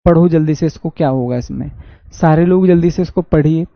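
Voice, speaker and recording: A man with a Haryanvi accent teaching an online exam-prep English class, reading sentences slowly and answering his own questions. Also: on the high side, no echo. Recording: dull dry lo-fi audio.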